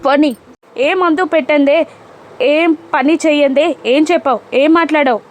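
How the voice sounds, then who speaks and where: A bitter middle-aged wife presses her rival with hard, demanding questions, as a woman narrator reads her part. The voice stays high and close to a plain reading voice. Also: moderate pace, lightly acted. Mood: accusing. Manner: confrontational, demanding.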